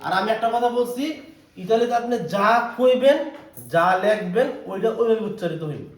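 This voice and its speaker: A man's voice: high voice, a little fast, a little mellow. A man teaching a language class, patiently repeating words to drill pronunciation. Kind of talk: classroom lesson. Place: echoey classroom. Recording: echoey classroom recording.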